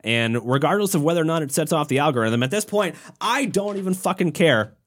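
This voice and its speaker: A man's voice: on the high side, animated, a little fast, fairly bright tone. A man hosting a casual comedy show, rambling and self-mocking in an exasperated, sweary way. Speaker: show host.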